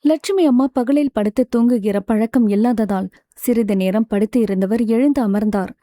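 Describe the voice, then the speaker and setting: A woman's voice: fairly high pitch, normal speed, dark tone, dry recording, clean studio sound. A woman with a Tamil Nadu accent reading a novel aloud, narrating and voicing every character's dialogue in a conversational tone. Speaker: audiobook narrator.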